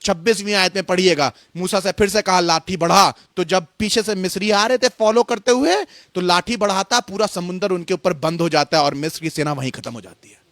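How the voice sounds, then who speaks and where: A man with a strikingly high voice delivers a sermon as a pastor. He tells stories with animated acted-out dialogue, and the sound is close and dry. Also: a little fast, no echo. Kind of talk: Hindi sermon.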